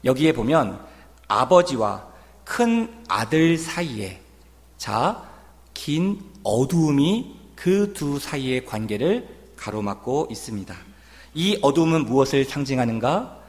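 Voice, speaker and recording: A man's voice: medium pitch, big pitch swings, slow pace. A man preaching a sermon as pastor in a church sanctuary, with emphatic delivery that rises into fervent appeals. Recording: long church reverb.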